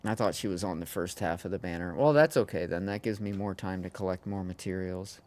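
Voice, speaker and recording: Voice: low-pitched, brisk, darkish tone. A streamer chatting casually on a livestream, rambling and laughing often with the viewers.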